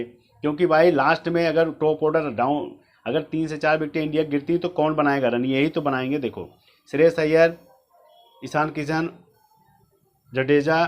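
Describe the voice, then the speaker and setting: A man giving casual, repetitive fantasy cricket advice straight to his viewers. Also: a little high. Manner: chatty, repetitive, advising directly. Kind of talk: casual explainer monologue.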